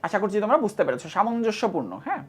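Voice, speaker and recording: A woman teaching a chemistry class with a Bangladeshi Bengali accent. She repeats key facts and asks the students quick questions. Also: medium pitch, very animated, husky. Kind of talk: classroom lecture.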